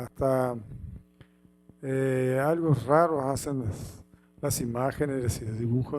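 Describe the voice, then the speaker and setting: A man reading Bible passages aloud and then preaching on them, with slow, halting delivery and many repeated words and fillers. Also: fairly high pitch, darkish tone.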